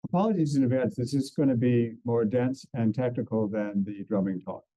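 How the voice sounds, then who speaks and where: A man giving a dense, technical medical lecture at a conference, explaining step by step with relaxed asides. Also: medium pitch, brisk, dry recording, rough recording. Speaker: conference speaker. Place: conference hall.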